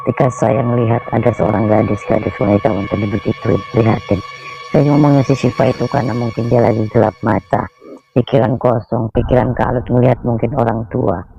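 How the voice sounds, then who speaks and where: A man's voice: medium pitch, gravelly, warm tone. A man, a spiritual healer, giving an earnest, admonishing talk in a dull lo-fi recording.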